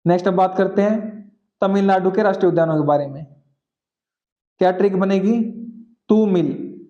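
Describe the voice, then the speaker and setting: High-voiced Hindi GK teacher, dull audio. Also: male voice, mellow. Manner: repeats phrases slowly, checks in with "clear?". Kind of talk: exam-prep lesson with memory tricks.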